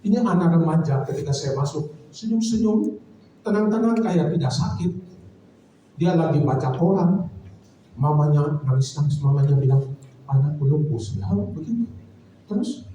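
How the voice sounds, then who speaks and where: A male pastor preaches, telling a personal story in an earnest, reflective way. His voice is deep, dark and mellow. It comes from some way off the mic and rings through a very echoey hall over faint ambience. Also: animated, moderate pace, distant mic, slight background noise.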